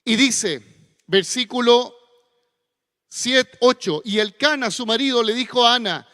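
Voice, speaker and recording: High-voiced Chilean pastor preaching. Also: male voice, unhurried. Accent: Chilean Spanish. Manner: folksy, humorous then softly earnest. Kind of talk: sermon. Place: church sanctuary. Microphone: stage microphone with monitor. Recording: long church reverb.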